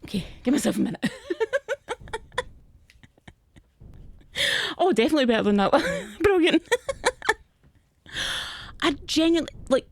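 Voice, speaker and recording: A woman's voice: high-pitched, animated, rapid-fire, hardly any pauses. A woman commentating as she plays a game, chatty and laughing, anxiously repeating phrases when things get tense. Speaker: gaming streamer.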